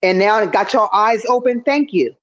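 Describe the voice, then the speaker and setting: A woman's voice: medium pitch, moderate pace, muffled recording, over a noisy crowd. A woman hosting a livestream podcast, blunt, profane and mocking in her talk. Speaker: livestream host. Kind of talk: heated livestream discussion.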